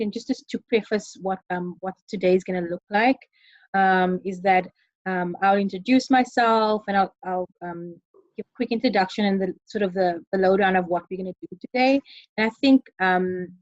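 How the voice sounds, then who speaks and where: A woman's voice: medium pitch, no echo, dull audio. Hesitant woman on a video call. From South Africa. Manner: hesitant, many ums, earnest. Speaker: webinar facilitator. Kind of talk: online presentation. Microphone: computer mic on a video call.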